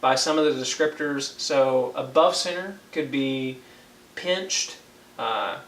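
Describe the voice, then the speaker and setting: A man's voice: medium pitch, takes it slowly, fairly bright tone. Patient young man teaching brass. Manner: patient, checks understanding with frequent okays. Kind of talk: one-on-one music lesson. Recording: echoey room, faint ambient noise.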